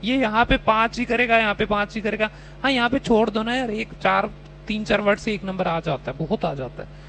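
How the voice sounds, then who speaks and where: A man's voice: sits high, fairly quick, creaky, fairly bright tone, slight background noise, rough recording. A man teaching a test-prep class, teasing and mock-scolding his students while quizzing them on whether they follow. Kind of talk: classroom coaching lecture.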